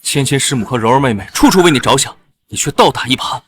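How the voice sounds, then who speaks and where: A man's voice: mid-range voice, animated, quick pace, fairly bright tone, natural voice. A young man playing a loyal, rash senior disciple who scolds his junior sister. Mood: reproachful. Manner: reproachful, warning. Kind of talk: dubbed costume drama acting.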